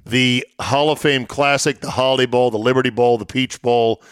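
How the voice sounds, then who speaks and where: A middle-aged man hosts casual sports talk in a mid-pitched voice. He explains in short, stacked phrases, and the sound is close and dry. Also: fairly even intonation, normal speed, smooth, no room sound.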